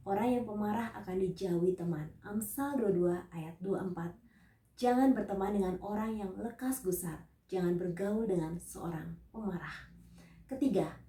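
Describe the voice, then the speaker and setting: A woman evangelist giving a scripted teaching sermon, reading out numbered points and Bible verses in a measured way. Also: mid-range voice, warm tone, echoey room, distant mic.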